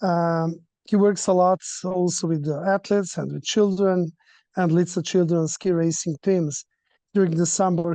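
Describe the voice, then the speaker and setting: A man moderating a seminar, introducing the next speaker in a halting, self-correcting way. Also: fairly high pitch, mellow, dry recording.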